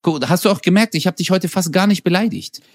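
A man's voice: high voice, fast talker, no echo, clean studio sound. A young man co-hosting a podcast, teasing his friend in casual comedic banter and acting out stories with sound effects. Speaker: podcast co-host.

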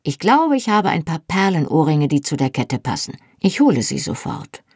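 A woman voicing a brisk young Highland woman, the bustling sister, in a higher, quick voice. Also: big pitch swings, a little mellow, husky, no room sound, clean studio sound, exaggerated voice. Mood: lively.

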